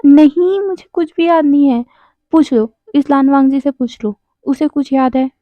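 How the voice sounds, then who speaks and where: A woman voicing a whiny, dramatic young man who complains and pleads loudly. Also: sits high, fairly even intonation, moderate pace, no echo, phone-quality sound, lightly acted. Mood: whining.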